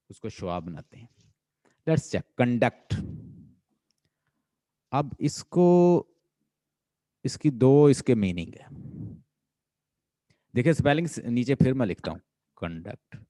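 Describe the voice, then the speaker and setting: Pakistani male teacher, classroom lecture, unhurried delivery, dry close sound. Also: mid-range voice, big pitch swings, mellow, no echo. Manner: drills students with repeated questions. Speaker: linguistics teacher. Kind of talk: classroom lecture mixing Urdu and English.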